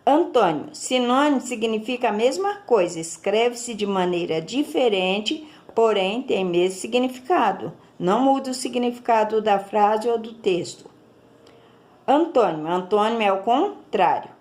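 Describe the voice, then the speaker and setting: In a recorded lesson, a Brazilian teacher patiently explains each step and checks in often with her pupils. She has a mid-range, slightly mellow voice and a Brazilian Portuguese accent.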